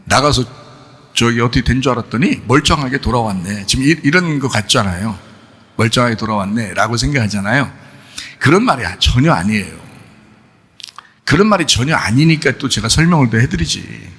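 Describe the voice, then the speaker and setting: A male pastor preaching a sermon, animated, acting out quoted speech with sudden high shouts. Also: brisk, breathy edge.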